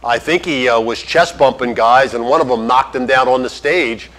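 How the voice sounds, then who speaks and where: A man hosts an interview show in a friendly, promotional manner. His voice sits at an ordinary middle pitch. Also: moderate pace, a bit bright, poor audio. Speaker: show host.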